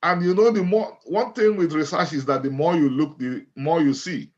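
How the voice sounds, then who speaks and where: A middle-aged Nigerian man with a Nigerian accent, speaking as an interview guest in a measured, deliberate way and restating his phrases. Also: fairly high pitch, darkish tone. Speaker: guest, author and lawyer. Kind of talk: interview storytelling. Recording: dull lo-fi audio.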